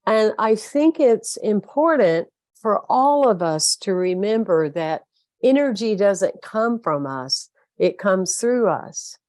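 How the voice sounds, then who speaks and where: A woman's voice: mid-range voice, a little mellow, no room sound. A woman with a Southern American accent giving an earnest, uplifting inspirational talk as a spiritual speaker.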